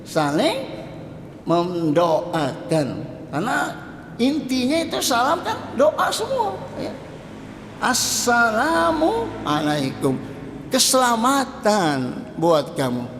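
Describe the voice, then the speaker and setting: A man giving a conversational mosque lecture as a preacher, stretching out quoted greetings slowly. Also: big pitch swings. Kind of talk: mosque dawn study lecture. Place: mosque hall. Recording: echoey mosque hall with faint rumble.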